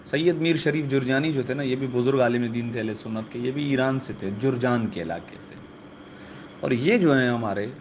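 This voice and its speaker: A man's voice: mid-range voice, slight background noise. A man, a religious teacher giving a classroom grammar lesson who keeps checking in with his students.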